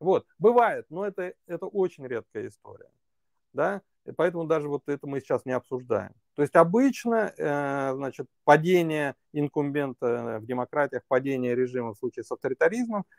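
A man's voice: a little high, lively intonation, brisk, creaky, no echo, clean studio sound. A man working as a political consultant, answering interview questions in long, reasoned stretches with many fillers.

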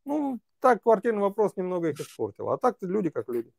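A man's voice: high voice, sing-song, fast, creaky, a little mellow, no room sound, studio quality. A man working as a political consultant, answering interview questions in long, reasoned stretches with many fillers.

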